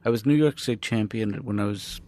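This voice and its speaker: A man's voice: fairly low pitch, fairly quick, mellow. A man guesting on a comedy podcast, telling rambling stories and laughing along. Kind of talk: casual comedic banter.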